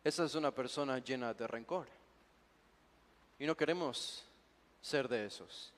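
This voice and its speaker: A man preaching an expository sermon as pastor, reading scripture aloud and stressing key points by repeating them slowly. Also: medium pitch. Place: church sanctuary. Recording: long church hall reverb.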